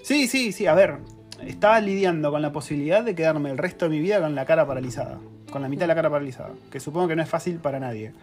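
A man's voice: fairly high pitch, rapid-fire, faint music behind. A man in his thirties with a Rioplatense Spanish accent, telling a story in a casual, slangy, self-mocking way as a podcast co-host. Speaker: podcast co-host, course creator. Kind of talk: casual chat.

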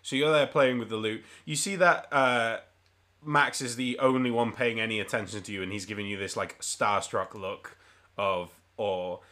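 A man's voice: lowish voice, fairly even intonation, moderate pace, pushed and bright. A man running a tabletop game as game master, describing scenes in a rambling way with lots of fillers.

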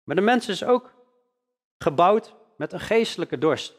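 A man's voice: sits high, expressive, unhurried. A man preaching a sermon in earnest, emphatic style, leaning hard on key words. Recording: long hall reverb.

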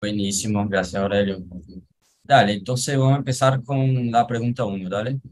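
A man from Brazil, hosting a language exchange call in Spanish, relaxed and friendly, mixing vos and tú forms. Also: fairly low pitch, normal speed. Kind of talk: moderating a casual group chat.

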